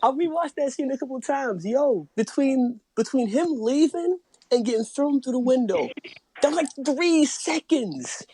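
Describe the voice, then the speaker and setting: A woman's voice: sits high, expressive, normal speed, dark tone, slightly rough, dry recording. A woman co-hosting a casual podcast chat, ranting expressively. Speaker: podcast co-host.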